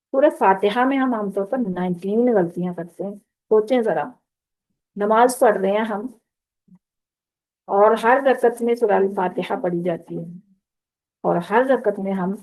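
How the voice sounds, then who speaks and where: A woman's voice: medium pitch, dark tone. A woman with a Pakistani Urdu accent teaching Quran recitation, speaking earnestly and patiently as she contrasts right and wrong sounds. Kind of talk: spoken lesson with recited examples. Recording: tinny phone-like audio.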